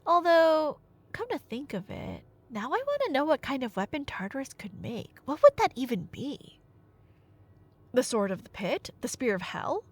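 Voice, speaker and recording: At a moderate pace and with no echo, a high-pitched woman tells myths in a casual, rambling roleplay style. She's an audio roleplay storyteller, nerdy, slangy and animated, often breaking into her own comic retelling with asides.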